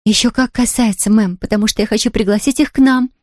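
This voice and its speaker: A woman reading aloud, voicing an eager, chatty young girl who talks in quick exclamations. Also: a little high, fairly even intonation, darkish tone, no echo, studio quality, pitched above the performer's own voice, natural voice. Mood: excited. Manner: breathless, rapid, exclamatory.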